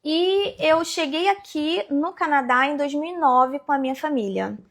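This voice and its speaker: A woman's voice: high-pitched, normal speed. A woman in her forties from Rio de Janeiro state, a business owner telling her story as an interview guest over a video call. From Rio de Janeiro state, Brazil. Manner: lively storyteller who acts out quoted dialogue.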